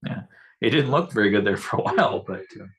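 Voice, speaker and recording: Low-ish male voice, laid-back fan co-host, reads chat aloud, from Canada. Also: fast talker, husky. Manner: relaxed, chatty, reads out viewer comments. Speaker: co-host of a fan game-watch stream. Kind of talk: casual live game chat.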